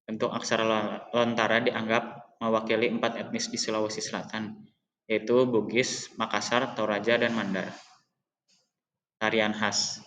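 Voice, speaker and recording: A teenage boy reads his school presentation aloud, stumbling now and then and restarting words. His voice sits low and stays flat and even in pitch. A faint noise hums under the recording. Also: dull audio. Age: teens. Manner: reads from notes with small slips and restarts. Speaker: student presenter.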